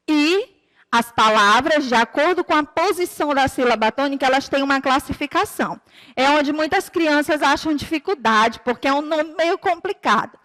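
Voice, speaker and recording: Brazilian lady teacher, high voice, patient and clear with the kids, stretches out example words. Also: a bit bright, in a large hall. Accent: Brazilian Portuguese. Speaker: primary school teacher. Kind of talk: recorded online lesson for children.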